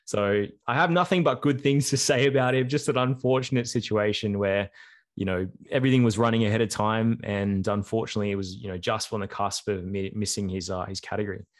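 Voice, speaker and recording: A man's voice: on the low side, steady tone, fairly quick. A young man, co-hosting a podcast and telling a long, rambling story full of fillers. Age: young adult. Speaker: podcast co-host. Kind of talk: casual podcast chat.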